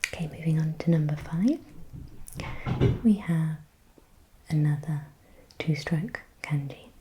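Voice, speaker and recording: A woman whispering softly in ASMR style, slowly repeating words and thinking aloud as she guesses. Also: sits low, slight background noise, rough recording. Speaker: ASMR creator.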